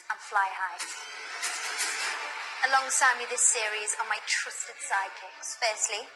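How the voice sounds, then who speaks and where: Commanding woman hosting, slightly high. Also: poor audio. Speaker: host and head judge. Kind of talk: scripted reality-show narration. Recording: music bed behind.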